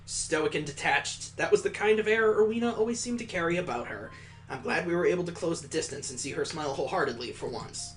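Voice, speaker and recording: A fast-talking man with a slightly high voice and lively intonation gives visual novel text a theatrical, mock-epic reading as a gameplay host. Music sits behind his dramatic, storybook-like narration.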